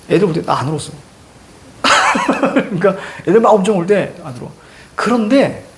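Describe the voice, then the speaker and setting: Animated male teacher lecturing a class. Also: sits high. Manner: animated storytelling, jokey asides.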